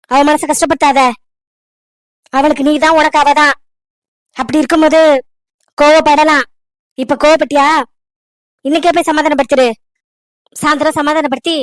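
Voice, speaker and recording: An older village mother, as a woman puts her on in a cartoon story. She scolds in a high, pleading and reproachful voice. The sound is dry and close. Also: dry recording, lightly acted.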